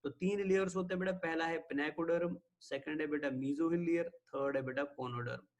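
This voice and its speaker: A man with an Indian accent giving a biology lecture, who keeps asking his students questions, answers them himself and slows down on English definitions. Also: fairly high pitch. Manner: mixes Hindi with English terms, slows on definitions. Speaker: biology teacher. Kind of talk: classroom lecture.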